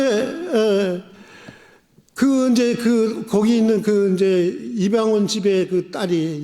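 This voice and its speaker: A man preaching a sermon as pastor, asking the congregation questions and swinging between emphatic raised phrases and quiet drops. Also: sits high. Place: church sanctuary. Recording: long church reverb.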